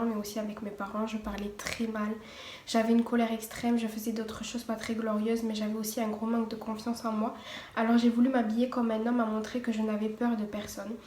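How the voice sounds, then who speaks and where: A teenage girl vlogger gives a casual personal testimony, partly reading from notes, in a slightly high, darkish voice. She is hesitant, with many fillers and restarts. The room is echoey with faint background noise.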